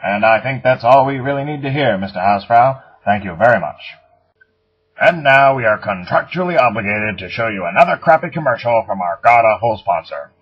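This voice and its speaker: A man voicing a sardonic duck who hosts a parody news show and conducts the interview deadpan. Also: medium pitch, a little fast, husky. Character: male duck news anchor, dry and sardonic. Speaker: host. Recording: dull lo-fi recording.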